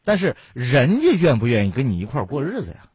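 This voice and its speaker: A man with a very husky voice lectures a caller on a call-in advice show. He talks bluntly and fires rhetorical questions, his pitch swinging up and down a lot. The sound is close and dry. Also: huge pitch swings, fast talker, a little mellow, no room sound. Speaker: radio advice host.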